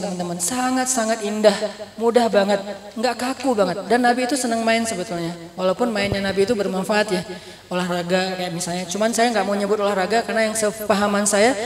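A man giving a casual sermon to young people, telling stories lively in relaxed everyday slang, recorded in a mosque hall. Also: high voice. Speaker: preacher. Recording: echoey hall with long reverb.

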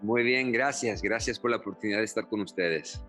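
A middle-aged pastor from Chile giving his testimony in an interview, speaking earnestly with frequent fillers and halting restarts. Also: on the low side, pushed and bright, soft background music.

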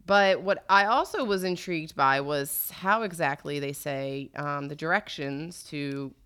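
Low-voiced woman, candid and playful. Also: fairly bright tone, smooth. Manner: candid and playful, with acted-out asides. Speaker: host. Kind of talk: casual chat and reading excerpts aloud to listeners.

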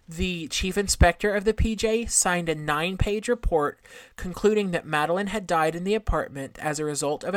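A woman's voice: lowish voice, dry recording. A woman hosting a podcast, telling a true-crime story from notes in a conversational way, with casual asides and some trouble pronouncing her Rs. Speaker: podcast host.

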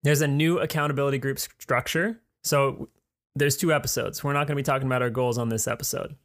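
A man's voice: medium pitch, steady tone, quick pace, fairly bright tone. Hype-man podcast co-host. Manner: enthusiastic, playful hype. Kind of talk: casual podcast chat.

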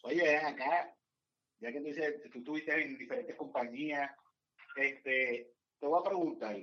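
A man's voice: a little high, measured pace, highs cut off. A man co-hosting a comedy podcast who asks the guest questions in an easy, casual way. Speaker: podcast co-host. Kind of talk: casual chat.

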